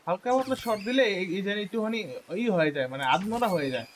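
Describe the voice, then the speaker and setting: Speaking briskly, a man gives casual gameplay commentary on a hunting game, chatting and rambling to viewers he addresses as guys. He has a high voice and repeats words excitedly when things happen, over a faint hum of ambience.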